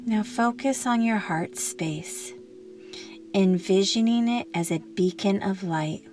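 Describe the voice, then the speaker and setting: Over soft background music, a mid-range female voice leads a guided meditation. She speaks calmly and slowly, letting long silences fall between her phrases.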